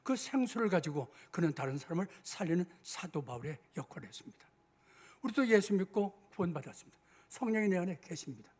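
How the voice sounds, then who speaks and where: An older man delivers a sermon in a church. His voice sits high for a man and has a husky, breathy grain. He tells the scripture stories by voicing the dialogue in a casual, talking tone. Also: darkish tone. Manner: acts out biblical dialogue in conversational asides. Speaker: senior pastor. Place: church sanctuary.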